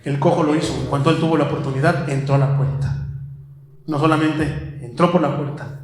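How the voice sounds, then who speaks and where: Echoey high-voiced pastor preaching. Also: male voice, fairly quick, a little hiss or hum. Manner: animated preaching, rhetorical questions, calls listeners "my brother". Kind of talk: sermon. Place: church hall. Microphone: handheld microphone. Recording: very echoey church hall.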